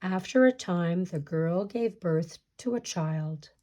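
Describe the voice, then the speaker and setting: Woman, storyteller, unhurried pace, mellow dark tone, folktale read-aloud, measured delivery. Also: on the low side. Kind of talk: reading a picture-book folktale aloud.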